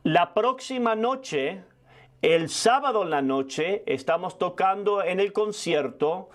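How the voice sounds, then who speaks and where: A man in his sixties telling a story in a sermon as a preacher, quick and full of restarts. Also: high voice, animated. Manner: fast storytelling with frequent restarts. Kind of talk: sermon testimony.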